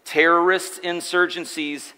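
A man's voice: fairly high pitch, level tone, unhurried, bright, forceful tone, clear, resonant tone. A man in his thirties preaching a sermon as pastor, joking and chatting with the congregation in asides, from a church stage. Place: church sanctuary. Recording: long church hall reverb.

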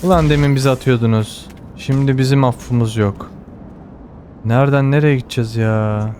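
A man with a Turkish accent giving excited running commentary while playing a game, often repeating words and exclaiming. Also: medium pitch, normal speed, a little hiss or hum. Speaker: gamer.

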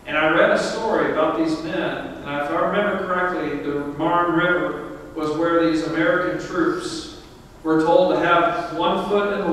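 A man's voice: on the high side, fairly bright tone, a little hiss or hum. A male pastor delivering an emphatic sermon in a church, his voice climbing on the key points. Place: church sanctuary. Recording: echoey church hall, mic far off.

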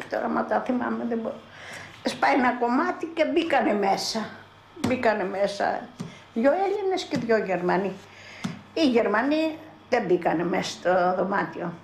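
An older woman from Greece giving spoken testimony as a mother in a documentary, telling her story in halting, broken-off phrases. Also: on the high side, a little hiss or hum. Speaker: mother recounting her son's arrest. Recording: roomy archival 1982 film sound.

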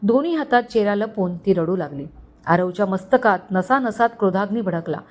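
A woman storyteller giving scripted narration of a romantic family story in a steady, expressive way. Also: medium pitch, a little fast.

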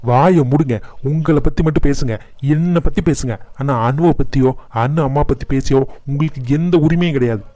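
A firm, protective young husband, voiced by a man in a cartoon. He speaks earnestly in a mellow, fairly high voice. The sound is dry and close. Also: a little fast, dry recording, natural voice. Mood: angry.

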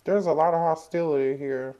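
A woman's voice: deep voice, fairly even intonation, a little fast, warm tone, lo-fi sound. A woman doing a casual tarot reading for viewers, thinking aloud, asking the cards questions and repeating herself as she goes. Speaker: tarot reader.

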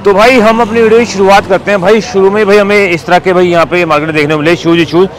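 This market vlogger has a high voice with a steady tone and talks fast. He's upbeat and chatty on foot outdoors, asking sellers about prices and repeating "bhai" and "theek hai," in a low-quality recording with crowd chatter and traffic.

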